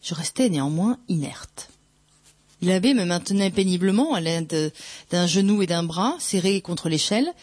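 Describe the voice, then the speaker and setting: A reader narrating a first-person literary novel aloud in a slow, measured, dramatic way. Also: medium pitch, expressive, a little mellow, no room sound. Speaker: audiobook reader.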